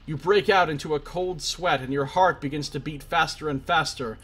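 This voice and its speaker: A man's voice: on the high side, moderate pace, a bit bright. A man doing a let's play, reading game text aloud theatrically and reacting casually as he goes. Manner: theatrical storybook-style reading. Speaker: game streamer. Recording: faint background noise.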